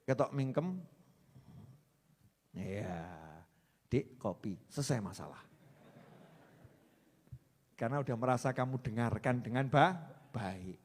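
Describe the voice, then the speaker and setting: A man giving a joking, lively sermon as a preacher. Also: mid-range voice, slow, pauses often. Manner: joking, lively, mixes Javanese into Indonesian. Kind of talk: humorous sermon. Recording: reverberant hall sound.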